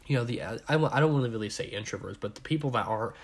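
A man's voice: mid-range voice, fast talker. A man in his twenties with covid, a little out of breath, ranting in a rambling, profane solo podcast and repeating his words. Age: 20s. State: sick with covid, short of breath. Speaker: podcast host.

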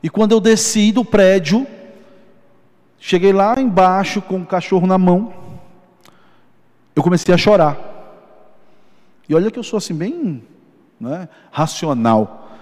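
A man preaching a sermon, telling a personal testimony with slow, emphatic repetitions. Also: high voice, expressive, a little mellow, big-room sound. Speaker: pastor.

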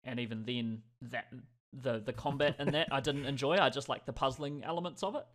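A man's voice: medium pitch, brisk, a bit bright. Rambling New man, hesitant. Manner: rambling, hesitant, many ums. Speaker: podcast co-host. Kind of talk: casual gaming chat.

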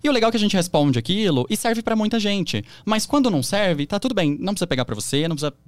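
Racing along with big pitch swings, this high-sitting male voice has no echo. It belongs to a young adult with a Brazilian Portuguese accent, a podcast guest in a casual interview chat who tells stories full of fillers and restarts.

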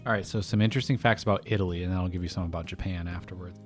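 Low-voiced man reading trivia deadpan. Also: racing, faint music behind. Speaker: podcast co-host reading fun facts. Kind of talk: casual chat.

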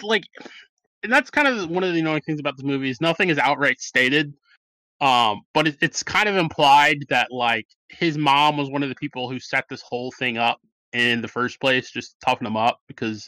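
A podcast host rambling casually through a movie review, full of fillers and restarts. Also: male voice, mid-range voice, moderate pace, sharp tone, dry recording, rough recording.

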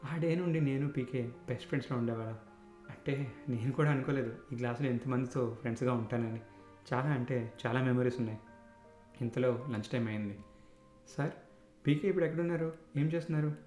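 Male narrator, thirties, reflective first-person storytelling; roomy echo, soft music underneath. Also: mid-range voice, steady tone, brisk. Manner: reflective, conversational.

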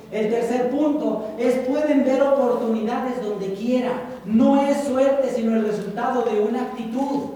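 A woman with a Mexican accent delivers a preachy motivational business talk, speaking straight to her audience. Her voice sits a little high. She sounds far from the mic in a large hall with a long echo and faint ambience. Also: warm tone. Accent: Mexican Spanish. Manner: preachy, storytelling, addresses the audience directly.

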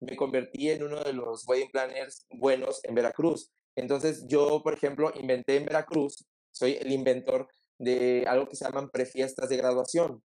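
A man's voice: medium pitch, level tone, normal speed, dark tone, poor audio. Chatty Mexican man telling stories. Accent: Mexican Spanish. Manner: chatty storyteller with lots of fillers. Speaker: TikToker and wedding planner guest. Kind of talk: casual interview chat.

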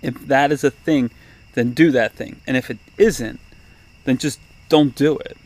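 A man co-hosting a casual podcast outdoors in a backyard, talking in a halting, rambling way. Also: medium pitch. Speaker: podcast co-host.

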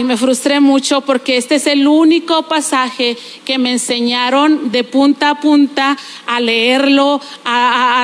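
High-voiced woman preaching a lively sermon. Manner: animated, humorous asides, slows to spell out Greek words. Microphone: recorded during a church service.

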